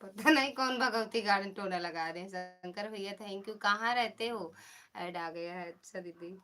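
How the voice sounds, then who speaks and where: A woman's voice: mid-range voice, normal speed, bright, forceful tone. A woman with an Awadhi accent hosting a casual live stream, chatting with viewers and calling them didi and bhaiya over a phone mic.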